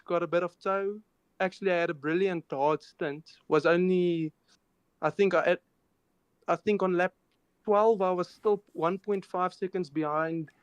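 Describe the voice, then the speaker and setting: A man's voice: a little high, smooth, dry recording. A man, a sim racing driver, recounting his race in a matter-of-fact way and often restarting words. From South Africa. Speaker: racing driver, interview guest. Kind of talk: post-race interview.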